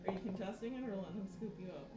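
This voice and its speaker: A woman's voice: medium pitch, rapid-fire, far from the mic, over loud music. A woman narrating a tabletop game as game master, in a casual way with fillers. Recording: echoey room, dull lo-fi audio.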